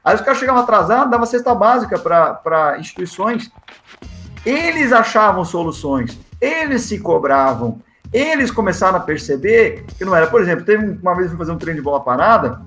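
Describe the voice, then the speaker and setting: A man's voice: high-pitched, brisk. A man with a Brazilian Portuguese accent, a football assistant coach telling stories in a casual interview and acting out the dialogue in them. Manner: lively, acts out the dialogue in his stories. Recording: echoey room with faint music.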